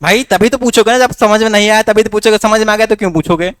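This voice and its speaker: High-voiced Hindi-accented teacher lecturing. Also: male voice, quick pace, fairly bright tone, clear, resonant tone, dry recording, studio quality. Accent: Hindi, north Indian. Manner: rhetorical questions, coaxing students. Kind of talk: classroom lecture. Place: classroom.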